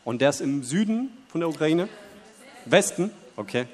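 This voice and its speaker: A very animated man with a voice on the high side interprets consecutively into German at a moderate pace, standing before a congregation in a church hall. He renders the message phrase by phrase with occasional self-corrections, and the reverb lingers long.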